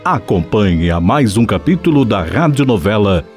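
A man's voice: on the low side, big pitch swings, normal speed. A Brazilian man narrating in a dramatic, solemn manner, like an old radio serial announcer. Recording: studio voice over loud music bed. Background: loud guitar music.

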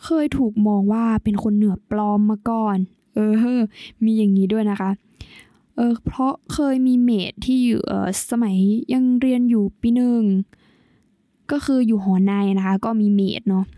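A young woman talks through her podcast in a chatty, explaining way. Her voice sits a little high, with a soft, mellow tone. She is recorded close and dry, with no room sound. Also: fairly even intonation, moderate pace, no echo. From Nan, northern Thailand. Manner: chatty and explanatory, polite sentence endings. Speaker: podcast host. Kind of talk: solo podcast talk.

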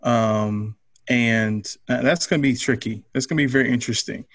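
Man, mid-pitch, dry close sound; relaxed analytical sports-chat co-host. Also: moderate pace, no room sound. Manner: relaxed, analytical, loose phrasing with fillers. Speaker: podcast co-host.

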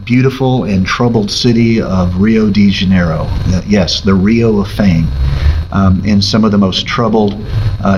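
A pastor with a fairly low voice introduces and questions a guest, hesitating often with fillers. The sound is dull and lo-fi, with a faint hiss. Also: male voice, a little mellow. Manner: halting, with many uh and um fillers. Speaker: pastor and host. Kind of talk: church interview hosting. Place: church stage.

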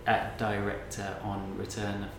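A man's voice: lowish voice, completely flat delivery, normal speed. A man hosting a casual chat, rambling and reflective with many fillers. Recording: roomy echo, background noise.

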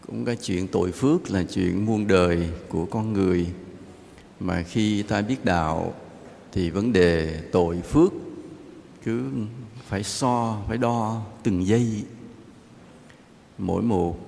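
Gravelly-voiced monk giving a dharma talk. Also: male voice, deep voice, slight background noise. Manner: relaxed, conversational, gently joking. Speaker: Buddhist monk teacher. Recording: long hall reverb, faint ambience.

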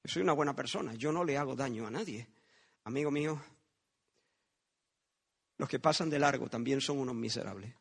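A man's voice: mid-range voice, brisk, creaky, long pauses, breathy edge. A man preaching a sermon in a conversational way, telling parables and asking rhetorical questions.

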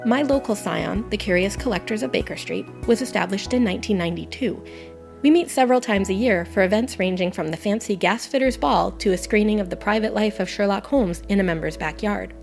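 A woman's voice: mid-range voice, creaky. A woman, a guest podcaster, reading a personal essay in an earnest, enthusiastic, reflective way. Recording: music playing under the voice. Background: background music.

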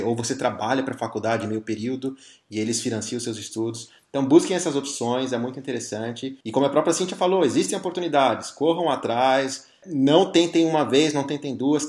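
A man's voice: mid-range voice, a little fast, hardly any pauses, a little mellow. Brazilian man hosting in an echoey room. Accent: Brazilian Portuguese. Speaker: podcast host. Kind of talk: casual interview.

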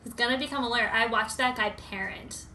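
A woman's voice: on the high side, quick pace, bright, forceful tone, slight background noise. A young adult woman co-hosting a podcast, telling stories casually and peppering her talk with "like". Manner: frequent "like" as filler. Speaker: podcast co-host. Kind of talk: casual chat and storytelling.

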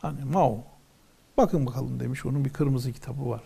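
A man's voice: medium pitch, normal speed, vocal fry, dark tone, slightly rough. A man teaching from a religious text, reading ornate old wording aloud and then explaining each phrase in plain words.

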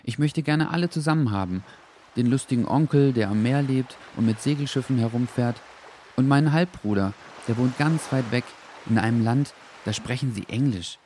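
A man doing a gentle, wistful little boy. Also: mid-range voice, normal speed, a little hiss or hum, voice pushed up, lightly acted. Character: young curious kind-hearted boy. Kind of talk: children's audio story.

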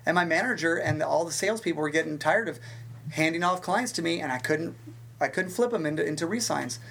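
Animated man telling stories, fairly high voice. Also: vocal fry, a little hiss or hum. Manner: animated storyteller with big pitch swings and quick restarts. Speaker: fitness instructor and guest. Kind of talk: storytelling in a conversational interview.

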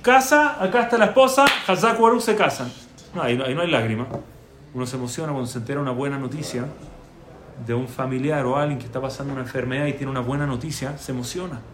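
Animated man teaching Torah, echoey room. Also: medium pitch, fast talker. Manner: animated storyteller, asks rhetorical questions. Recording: echoey room with faint background noise.

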